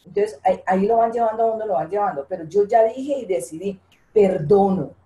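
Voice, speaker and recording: A woman's voice: medium pitch, a little fast, warm tone, dull audio. Earnest older woman in an echoey room. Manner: earnest, repeats phrases, heartfelt. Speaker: guest, interviewee's mother. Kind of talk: emotional interview talk.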